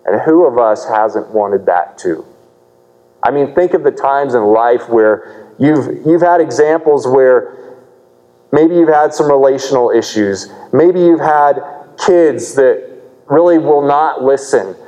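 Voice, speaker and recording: A man's voice: mid-range voice, animated, takes it slowly, dark tone, long reverb tail, low-quality recording. A man preaching a sermon as pastor, explaining a scripture passage earnestly and posing rhetorical questions to the congregation.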